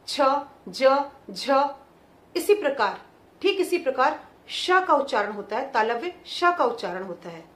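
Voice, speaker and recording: Lady teacher, high voice, echoey room, says each sound slow for kids. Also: fairly bright tone. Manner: slow, careful sound-by-sound demonstration. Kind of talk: children's lesson.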